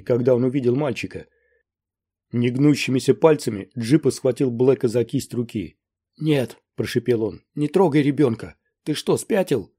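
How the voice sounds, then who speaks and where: A man reading a crime novel aloud as an audiobook narrator, in steady scripted narration. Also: mid-range voice, breathy edge.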